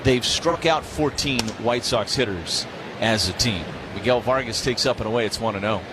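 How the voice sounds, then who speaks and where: An American play-by-play man is on radio during a live baseball game, working from the stadium broadcast booth. He speaks at a moderate pace in a medium pitch, with clear crowd noise and ballpark ambience in the background.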